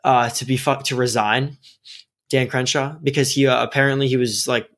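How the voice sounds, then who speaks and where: A man's voice: mid-range voice, fairly even intonation, normal speed, a bit bright. Young American frat-bro guy, profane and slangy. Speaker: podcast host. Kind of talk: casual podcast banter.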